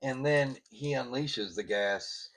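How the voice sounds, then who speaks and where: A man co-hosting a podcast, chatting casually about a comic book with loud bursts of disbelief and a relaxed drawl. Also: mid-range voice, slow pace, low-quality recording. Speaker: podcast co-host.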